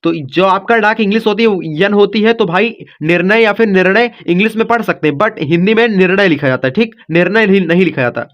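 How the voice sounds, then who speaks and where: A man's voice: high-pitched, brisk, few pauses, lo-fi sound. A man from India teaching a step-by-step spelling lesson. He talks in a repetitive, coaxing way, checking in after nearly every line. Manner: repetitive, coaxing, says "ठीक" and "बच्चों" often.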